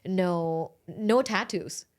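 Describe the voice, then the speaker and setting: A woman's voice: fairly low pitch, drawn-out words. Chatty woman guest, laughing. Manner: laughs often, animated storytelling. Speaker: podcast guest. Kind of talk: casual chat.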